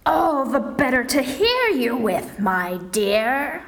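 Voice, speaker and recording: Big Bad Wolf, voiced by a woman, slow and sly. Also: high-pitched, big pitch swings, exaggerated voice. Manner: slow, coaxing questions. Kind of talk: school English audio play.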